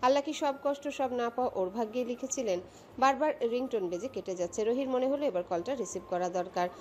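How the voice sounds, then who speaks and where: A woman narrating a romantic audio story in a steady, expressive storytelling voice. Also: on the high side, fairly quick, a little hiss or hum.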